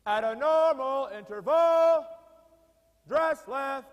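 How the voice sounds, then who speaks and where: A man shouting drawn out military drill commands as a parade commander, stretching out the syllables. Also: very high voice, slow. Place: large indoor drill hall. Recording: dull recording in a cavernous reverberant hall.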